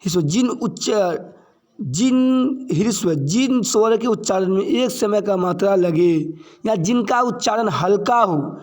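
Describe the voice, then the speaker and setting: A man teaching a grammar lesson slowly and deliberately, repeating each point and asking questions that he answers himself. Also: high-pitched, animated, a little mellow. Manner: slow and deliberate, stressing key terms.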